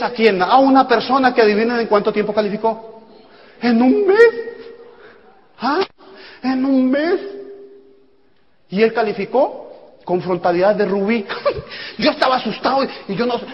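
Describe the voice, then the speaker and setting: A man giving an animated motivational talk, acting out dialogues with sudden loud bursts. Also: sits high, slight background noise. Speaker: motivational speaker at a business event. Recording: echoey hall, dull lo-fi sound.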